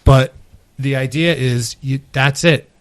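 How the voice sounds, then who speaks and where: A man's voice: mid-range voice, steady tone, slow, no room sound. Guy cohosting a podcast, explains stuff, dry close sound. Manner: explains at length, laughs easily. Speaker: podcast co-host. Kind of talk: casual chat.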